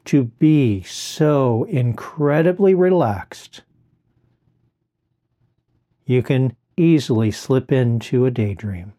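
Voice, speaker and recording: Male relaxation guide, middle pitch, unhurried and mellow, soothing delivery. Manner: slow, soothing, drawn-out phrasing.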